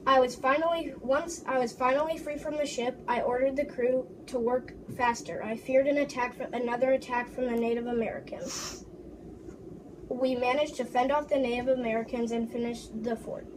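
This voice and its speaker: A woman playing a proud English explorer in a first-person history presentation, reciting haltingly with restarts. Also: high voice, fairly even intonation, lightly acted. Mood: earnest. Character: English explorer John Smith, proud man. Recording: distant mic with background noise.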